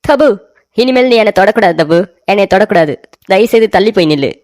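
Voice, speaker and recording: A woman's voice: medium pitch, animated, fairly quick, a little mellow, lightly acted. A woman doing a whiny, tearful younger brother. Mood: pleading. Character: naive, emotional younger brother, young man. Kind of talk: cartoon story voice acting.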